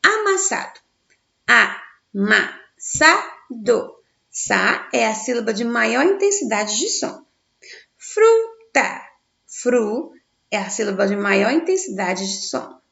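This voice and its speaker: A woman teacher giving a recorded grammar lesson for children in Brazilian Portuguese, sounding out stressed syllables slowly and answering her own questions. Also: on the high side, expressive, creaky, fairly bright tone. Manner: slow, stressed syllables when sounding out words; asks the class questions and answers them herself. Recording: dull, echoey room.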